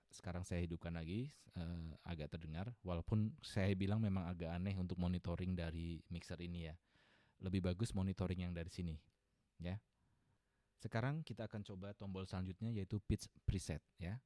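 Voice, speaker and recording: A man's voice: low voice, dark tone, no room sound. A man casually demonstrating an audio mixer, chatty and adding "ya" to most sentences, speaking into a podcast mic in a room with a ceiling fan. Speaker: tech reviewer. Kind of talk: casual product demo. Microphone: dynamic podcast mic through a mixer.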